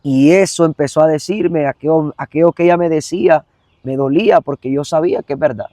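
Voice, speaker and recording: A man's voice: fairly high pitch, brisk, warm tone, dry recording. Earnest man giving a testimony. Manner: earnest, repetitive, addresses the listener directly. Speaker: evangelist guest. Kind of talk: emotional personal testimony.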